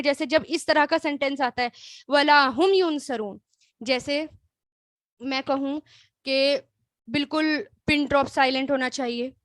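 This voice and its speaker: A woman's voice: sits high, a bit bright, dry recording, studio quality. A woman teaching a Quran word analysis lesson, explaining patiently and checking in with rhetorical questions and tags.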